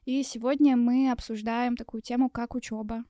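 Young woman podcast co-host, higher voice. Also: steady tone, moderate pace, mellow, no echo, studio quality. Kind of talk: casual chat.

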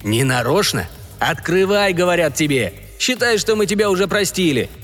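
Brief: male narrator as a slick, coaxing filmmaker; long reverb, soft music bed. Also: high-pitched, big pitch swings, normal speed, voice pushed up, full character voice. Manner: coaxing, theatrical, commanding. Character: smooth-talking scheming young male filmmaker.

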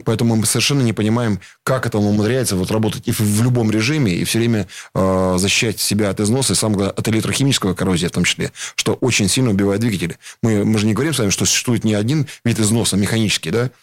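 A middle-aged man, a company executive guest, explaining his product off the cuff with frequent drawn-out hesitations. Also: fairly low pitch, no room sound, studio quality. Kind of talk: unscripted explanatory promotional talk.

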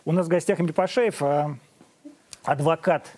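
Man in his forties, talk show host, sarcastic and pointed, slightly high voice. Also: moderate pace, darkish tone. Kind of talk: opinion monologue and interview.

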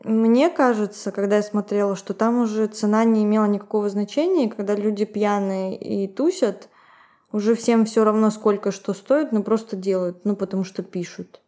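A woman's voice: mid-range voice, steady tone, normal speed, warm tone. A woman co-hosting a podcast, retelling events and commenting with laughs. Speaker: podcast co-host. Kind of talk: podcast storytelling.

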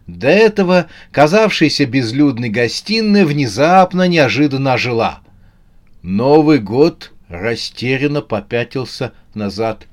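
A man narrating a humorous horror story in a lively, playful storytelling manner. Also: mid-range voice, a little slow. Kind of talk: scripted audiobook narration.

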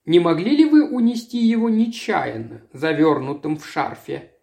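A calm, smooth investigator with a soft, conciliatory manner, voiced by a man reading an audiobook. He questions gently but never lets go. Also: on the high side, normal speed. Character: calm, smooth middle-aged male investigator.

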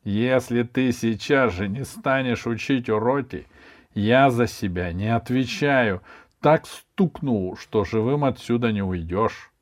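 A man's voice: mid-range voice, takes it slowly, natural voice. A man reading a storybook, voicing a strict, commanding schoolgirl who bosses a classmate around. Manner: stern, commanding. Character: stern bossy schoolgirl, strict and threatening.

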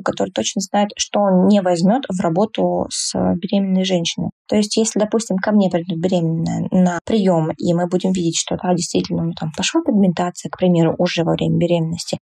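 A woman cosmetologist giving measured, explanatory answers in an interview, now and then hesitating. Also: medium pitch, gravelly, warm tone. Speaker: cosmetologist-dermatologist.

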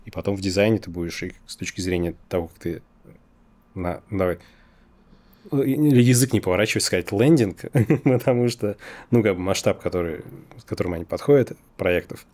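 A man who has trouble pronouncing the letter r, talking casually and hesitantly as an interview guest, thinking aloud with drawn-out pauses. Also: sits low, animated, darkish tone. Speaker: interview guest, design company executive.

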